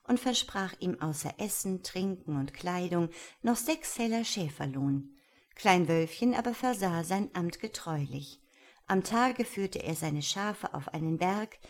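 A woman reading a fairy tale aloud in a calm, even storytelling manner. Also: fairly low pitch.

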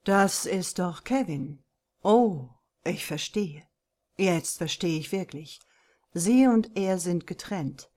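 A woman reading an audiobook, voicing a calm, self-assured young man who teases and coaxes. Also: lowish voice, slow. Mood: calm teasing. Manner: calm, teasing, coaxing.

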